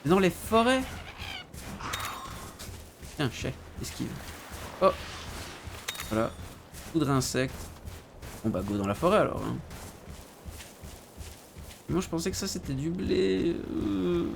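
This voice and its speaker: A man streaming a game, chatting casually with his viewers in slangy, relaxed talk. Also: fairly high pitch, takes it slowly, vocal fry, pauses often, noisy background. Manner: laid-back, slangy, talks to chat by name.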